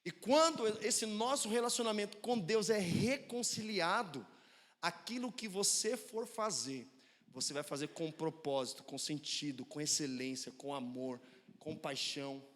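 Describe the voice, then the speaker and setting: A man's voice: a little high, measured pace, fairly bright tone, in a large hall. A man preaching a sermon in a church, telling a family story in a conversational way and checking in with the congregation.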